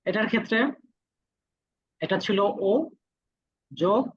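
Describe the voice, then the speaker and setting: A man's voice: sits high, husky. Patient male teacher, muffled lo-fi audio. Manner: patient, repeats each vowel sound slowly. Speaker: Korean language teacher. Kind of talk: classroom lesson.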